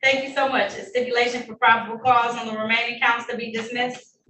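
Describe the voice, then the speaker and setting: In a roomy, distant courtroom recording with faint noise, a woman judge presides over traffic court, reading charges and rulings in a formal yet friendly way. Her voice is fairly high with little pitch movement, and her brisk delivery has a bright, forceful tone.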